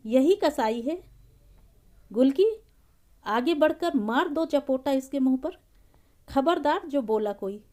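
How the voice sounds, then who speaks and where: A woman's voice: a little high, sing-song, normal speed. A woman voicing a fierce, hot-tempered woman who roars commands, in a storybook reading. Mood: furious. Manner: shouting, commanding.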